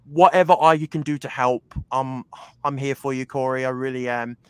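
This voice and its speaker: A man's voice: medium pitch, steady tone, moderate pace, clear, resonant tone, dry recording. A man hosting an interview, talking eagerly and casually with many fillers like a devoted fan. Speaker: host.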